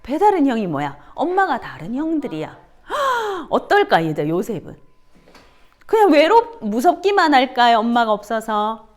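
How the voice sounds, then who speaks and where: A woman's voice: fairly high pitch, normal speed. A woman giving a children's Sunday school sermon, asking the kids questions and gasping for effect. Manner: animated, asks children questions, gasps for effect.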